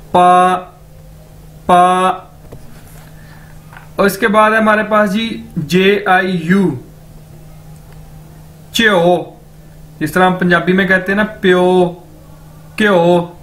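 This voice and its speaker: A man's voice: high voice, a bit bright. A man teaching a beginner language lesson, patiently explaining pronunciation and repeating each word several times.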